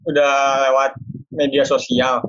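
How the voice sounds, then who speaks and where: A man's voice: medium pitch, flat delivery, normal speed, fairly bright tone, dry recording. A young man, a guest on a casual chat podcast, talking in a laid-back, slangy way. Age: young adult. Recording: dull dry sound.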